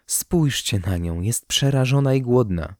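A kind village woman from a spoken storybook, warm and pleading as she stands up for a stranger, with a male narrator lifting his voice for her. It is voiced higher than his own low tone, and the sound is dry and close. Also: animated, unhurried, dry recording, close to an everyday voice. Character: kind fair-haired village woman, protective.

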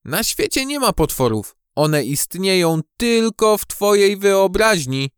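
A man voicing a cheerful, curious young female bee in a storybook audiobook, lively and playful. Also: fairly high pitch, a little slow, no echo, clean studio sound, voice pushed up.

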